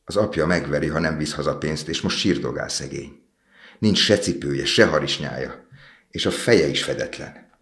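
Gentle sorrowful prince, storybook statue, imploring, a man voicing him, very deep voice. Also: gravelly, exaggerated voice.

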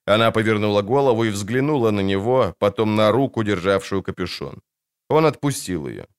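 Man narrating an audiobook with lively intonation. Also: lowish voice, a little fast, clean tone. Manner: vivid, dramatic storytelling.

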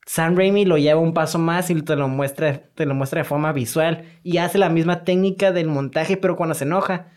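Animated and full of slang, a speaker with a Mexican accent discusses films casually, dropping in sound effects and filler tags. The voice is medium in pitch and brisk, rarely pausing.

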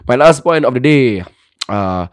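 A young man co-hosts a casual podcast in thick Singlish, peppered with Malay slang and particles. His mid-pitched Singaporean voice is jokey and recorded close and dry. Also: expressive, fast talker, dry recording. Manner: jokey, laughs often. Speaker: podcast co-host.

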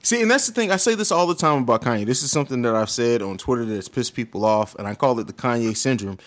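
A man's voice: mid-range voice, lively intonation, quick pace, fairly bright tone. A man co-hosting a casual podcast, laying out his opinions at length. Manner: opinionated, lays out arguments at length. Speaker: podcast co-host. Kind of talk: casual chat.

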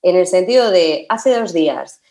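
A woman's voice: lowish voice, expressive, moderate pace, creaky, mellow. A woman, a guest in a casual conversation who talks emphatically and repeats words for stress. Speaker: podcast guest.

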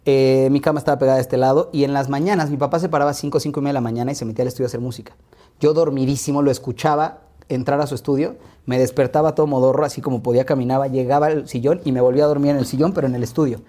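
A man in his thirties from Mexico with a Mexican Spanish accent, telling childhood stories as an interview guest in quick, lively anecdotes full of asides. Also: medium pitch. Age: 30s. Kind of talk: relaxed interview storytelling.

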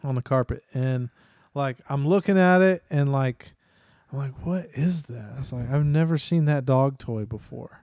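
Animated dad telling a story. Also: male voice, mid-range voice, moderate pace, smooth, dry recording, studio quality. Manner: animated, acts out his kids' voices. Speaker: podcast co-host. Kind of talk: casual storytelling chat.

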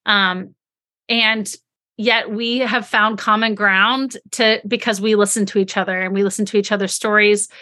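A woman's voice: mid-range voice, steady tone, normal speed, sharp tone. A woman co-hosting a podcast, talking earnestly and reflectively without a script. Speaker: podcast co-host. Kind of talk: unscripted podcast talk.

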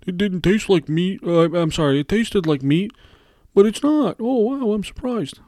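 A man mimicking a gushing, amazed taster from a TV ad in a high, overexcited put-on voice. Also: expressive, normal speed, warm tone, no room sound, studio quality.

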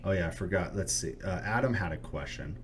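Low-voiced agreeable man over background noise. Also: brisk. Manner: agreeable, bro slang, sweary. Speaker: podcast host interviewing a guest. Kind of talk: casual chat.

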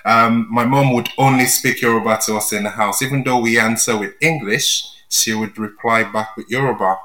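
A man from Nigeria, a podcast guest chatting casually and pausing often with "um". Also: mid-range voice, fairly even intonation, sharp tone, roomy sound, rough recording.

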